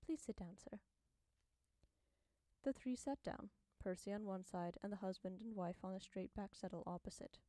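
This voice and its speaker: A woman reading an audiobook as narrator, in a measured, unhurried manner on a close studio microphone. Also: mid-range voice, warm tone, no echo. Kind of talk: scripted narration.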